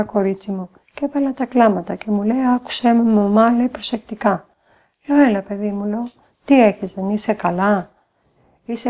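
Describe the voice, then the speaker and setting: An older woman, a grandmother, gives an emotional documentary interview, retelling events through many quoted back-and-forth exchanges. Her voice is on the high side and a little mellow, recorded in an echoey room.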